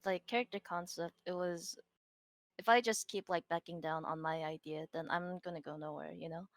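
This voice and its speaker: A woman's voice: low voice, dry recording. A woman guest on a podcast, speaking hesitantly and self-doubtingly, with frequent "like"s and small laughs. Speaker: guest, digital artist. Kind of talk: casual interview chat.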